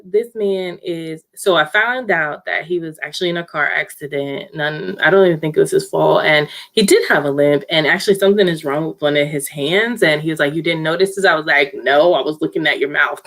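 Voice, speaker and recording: A young woman with a lilt tells a story straight to camera in a loose, chatty way. She laughs often and jumps her voice higher whenever she quotes someone. It sounds like a casual vlog recorded close to the camera. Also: normal speed, a bit bright. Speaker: vlogger.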